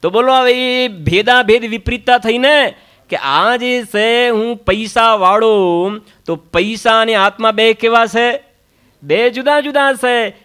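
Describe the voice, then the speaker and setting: High-voiced man giving a discourse. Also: bright, forceful tone, clear, resonant tone. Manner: frequent questioning interjections to listeners; repetitive, emphatic teaching with proverbs. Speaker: Jain spiritual lecturer. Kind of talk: Gujarati religious discourse.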